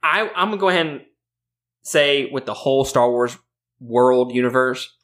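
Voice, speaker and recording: Podcast co-host, man, mid-pitched, blunt opinions, heavy cursing. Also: normal speed, fairly bright tone. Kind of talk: casual chat.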